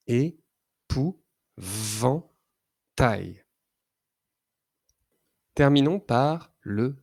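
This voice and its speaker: A man teaching a child to read, sounding out letters and syllables slowly and carefully. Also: medium pitch, a little mellow, no echo, studio quality. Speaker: reading teacher. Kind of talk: children's phonics lesson.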